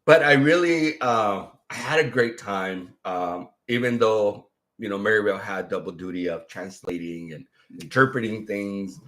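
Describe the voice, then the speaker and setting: A man's voice: moderate pace, fairly bright tone. A man from Mexico co-hosting a casual couple's vlog, playfully retelling stories and acting out quotes. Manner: playful, acts out quotes in high put-on voices. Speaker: vlog co-host. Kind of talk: casual chat.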